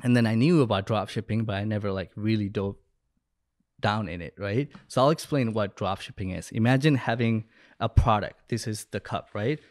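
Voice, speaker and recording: A young Bangladeshi man with a lowish voice speaks at a moderate pace, casually telling stories as a guest on a podcast interview. He is a business owner and coach. He's recorded indoors, at home or in a studio, close on a podcast headset microphone with no echo.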